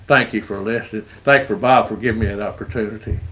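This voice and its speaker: A street rodder speaks fast in a fairly low, slightly bright voice with a steady tone, recorded at low quality. Earnest and folksy, he offers an evangelistic testimony about his faith, repeating words often.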